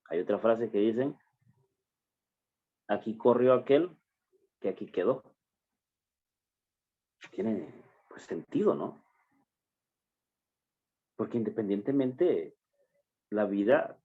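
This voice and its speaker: A man preaching a sermon, addressing the congregation as brothers and stressing phrases slowly and emphatically. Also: on the low side, lively intonation, husky. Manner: slow, emphatic preaching with drawn-out words. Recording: dull lo-fi recording.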